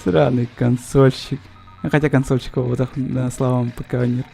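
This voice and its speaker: Sweary male game streamer, medium pitch. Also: flat delivery, moderate pace, gravelly, mellow, soft background music. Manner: sweary, grumbling, blunt. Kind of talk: casual gaming commentary and chat.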